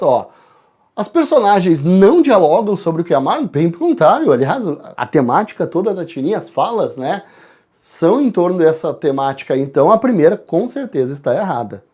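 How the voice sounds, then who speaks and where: A man from Brazil, a teacher walking students through exam answers, calling out letters and addressing the class. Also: sits high. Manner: lively, addresses students directly, spells out letters.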